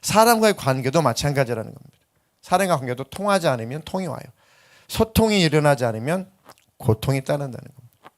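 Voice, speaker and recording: Middle-aged pastor guy giving a sermon, kinda high voice, really animated, acts out the characters in his stories. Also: brisk. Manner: lively storytelling, acts out voices in anecdotes.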